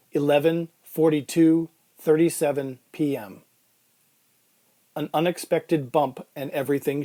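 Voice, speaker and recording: In an audio drama, a man plays an uneasy patient who broods over the surreal ordeal he has been through. His voice is somewhat high yet soft-edged and mellow, and he narrates in the first person at a deliberate pace.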